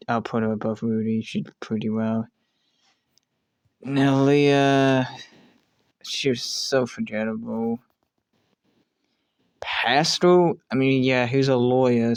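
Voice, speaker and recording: A man's voice: mid-range voice, level tone, takes it slowly, long pauses, clear, resonant tone, no room sound, studio quality. A man ranking show contestants in casual commentary. He rambles, swears casually, and often trails off and restarts his sentences. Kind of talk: casual commentary while making a tier list.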